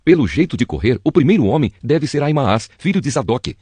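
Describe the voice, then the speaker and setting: A man's voice: mid-range voice, very animated, brisk, mellow, slightly rough, no echo, voice pushed up. A man voicing a city watchman calling out what he sees. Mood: alert. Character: watchful male city wall lookout.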